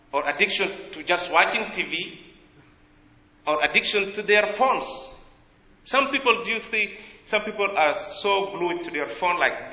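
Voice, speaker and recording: A man from South Sudan with a South Sudanese accent preaching a sermon in a church, earnest and halting as he searches for words. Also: on the high side, bright, forceful tone. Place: church in America. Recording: echoey hall, dull lo-fi sound.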